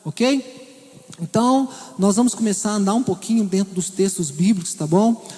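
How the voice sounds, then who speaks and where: High-voiced Brazilian pastor preaching in a hall. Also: male voice, normal speed, a little mellow. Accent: Brazilian Portuguese, Minas Gerais. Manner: conversational preaching, checks in with "tá?" and "né?". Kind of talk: sermon. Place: church hall. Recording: echoey church hall.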